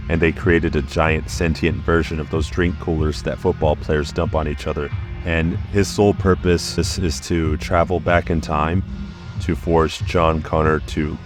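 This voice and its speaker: Deep-voiced man doing dry comedy commentary. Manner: dry joking delivery. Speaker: YouTube host.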